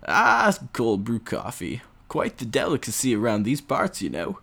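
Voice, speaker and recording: A man putting on a voice as a nostalgic old man who rambles about the old days in folksy, drawn-out speech. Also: medium pitch, wildly swooping pitch, gravelly, fairly bright tone, exaggerated voice.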